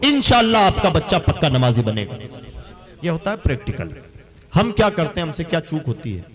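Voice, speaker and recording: An earnest man preaching. His voice sits a little high for a man. He asks his listeners questions and then answers them in his own sermon. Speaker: Islamic preacher.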